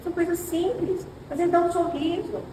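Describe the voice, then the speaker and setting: A woman's voice: very high voice, moderate pace. A middle-aged woman with a Brazilian accent, teaching a women's church class and telling personal stories while speaking directly to the "sisters" among her listeners. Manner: animated storytelling, addressing listeners as sisters. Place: church hall. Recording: roomy hall, far mic, ambient noise.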